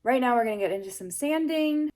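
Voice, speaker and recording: A woman's voice: on the high side, animated, quick pace, darkish tone, slight background noise. A middle-aged woman narrating her craft project in a casual vlog, chatty, with jokey self-mocking asides. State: groggy, just woken up, talking softly. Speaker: crafting vlogger.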